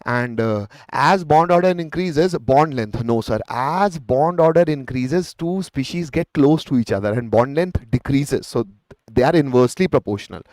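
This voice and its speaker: A man's voice: on the high side, normal speed, a little mellow, dry recording. A man with an Indian accent teaching a live online revision lesson in an encouraging, coaching manner, dropping Hindi words into his English and addressing students directly. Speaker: chemistry teacher.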